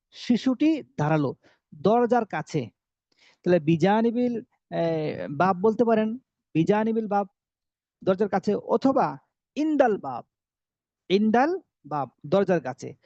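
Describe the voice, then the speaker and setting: A teacher leads a recorded Arabic lesson explained in Bengali, posing each question and answering it himself. Every phrase is repeated slowly so learners can say it aloud. The recording is dull and lo-fi, with a dry sound and no room echo. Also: mid-range voice, a little mellow.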